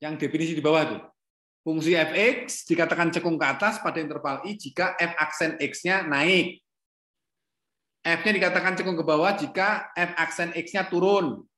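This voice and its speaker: Speaking at a moderate pace in a slightly high, sharp-toned voice, this middle-aged man lectures on calculus online. He poses questions, fixes his own mistakes along the way, and repeats "ya," all from an echoey home room, not an office.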